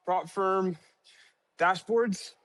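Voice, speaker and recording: A man's voice: high-pitched, drawn-out words, fairly bright tone. A man in his forties from Miami, out of breath and calling in from work on a phone, talking eagerly and gratefully in a rambling way. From Miami, Florida. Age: 40s. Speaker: caller, trader. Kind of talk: casual chat on a live audio room. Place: at work, walking in a hospital.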